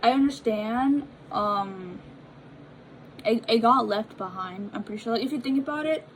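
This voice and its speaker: A woman's voice: a little high, slight background noise, rough recording. A young woman chatting casually as she reacts to confessions, full of fillers and restarts. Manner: chatty, filler-heavy, stumbles over reading. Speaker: vlogger reading confessions. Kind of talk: casual chat reacting to read-out posts.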